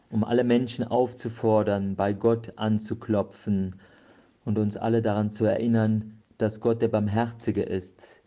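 A male pastor preaches an Advent sermon in a slow, measured way. His voice is low and mellow. The recording sounds dull and lo-fi.

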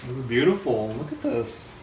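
A man's voice: mid-range voice, big pitch swings, moderate pace. A man, a father, chatting casually and playfully with his kids at home. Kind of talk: casual family chat. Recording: echoey room, far from mic, noisy.

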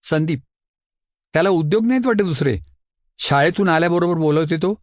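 Brief: man voicing a bright mischievous schoolboy, lively and high. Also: normal speed, no echo, studio quality, natural voice. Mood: pleading, eager. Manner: bright, pleading, chatty. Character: mischievous helpful schoolboy, eager and quick-witted.

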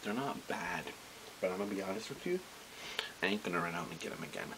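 A man's voice: low-pitched, animated, fast talker, vocal fry. A man in a casual taste-test vlog, talking with his mouth full, rambling and joking between bites. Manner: rambling, jokey, chewing while talking. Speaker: food vlogger. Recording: hissy home recording.

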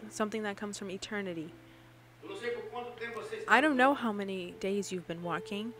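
A woman's voice: medium pitch, moderate pace, bright, forceful tone, soft background music. A woman giving an interpreted sermon in a preaching cadence, often putting questions to the congregation.

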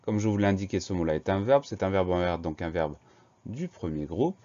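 Low-voiced patient French spelling teacher. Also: male voice, animated, dark tone, dull audio. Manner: slow, patient, spells words letter by letter. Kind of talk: spelling lesson.

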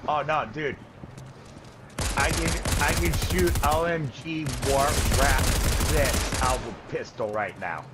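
A man's voice: on the high side, slow. Cocky, swearing male gamer, noisy audio. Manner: profane, cocky, slangy. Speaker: gamer playing with a friend. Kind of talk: casual gaming trash talk.

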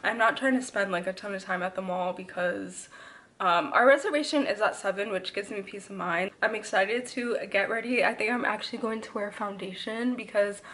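A woman's voice: mid-range voice, brisk, a bit bright. A young woman vlogging casually about her weekend, talking with a slight lisp from her retainer. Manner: chatty, says y'all and like often. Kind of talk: casual vlog chat.

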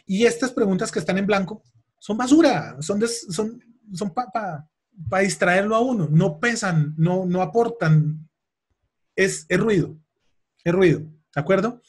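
A man's voice: high-pitched, animated, a little slow, breathy edge. A man teaching an English exam webinar, emphatic and repeating key points, asking his audience questions. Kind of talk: webinar lesson.

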